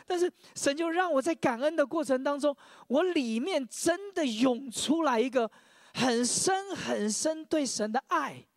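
A man's voice: extremely high pitch, lively intonation, measured pace, no room sound, clean studio sound. A man preaching a sermon, sharing his own testimony, often stammering over repeated words and leading the congregation in reading scripture aloud.

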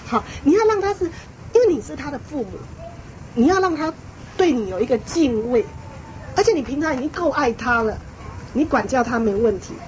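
Woman w/ a high voice teaching a parenting class, lively, repeats stuff for emphasis, little laughs, faint noise behind. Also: brisk, dull audio. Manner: frequent small laughs. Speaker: parenting speaker. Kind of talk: lecture to an audience.

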